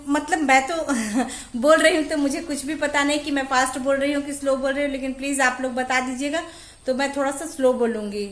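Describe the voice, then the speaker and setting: A woman, chatting quickly and freely to camera at home as a home vlogger. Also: high voice, fairly bright tone. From Jharkhand, India. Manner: chatty, talks fast. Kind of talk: casual chat to camera. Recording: echoey room with faint music.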